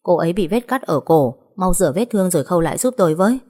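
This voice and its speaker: A caring young man in an audiobook romance, urgent and firm as he reassures, read by a female narrator. The voice sits low and moves quickly. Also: animated, dark tone. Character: caring young man, protective older brother.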